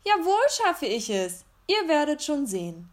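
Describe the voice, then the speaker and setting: A woman's voice: mid-range voice, big pitch swings, normal speed. A woman voicing a small bear cub in a storybook reading, raising her voice to sound childlike. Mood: defiant. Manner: raised childlike voice. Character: small timid then stubborn male bear cub.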